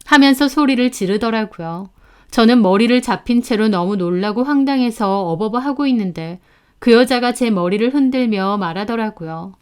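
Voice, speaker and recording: A woman narrating a dramatic story in an even, conversational manner. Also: a little high, moderate pace, clear, resonant tone.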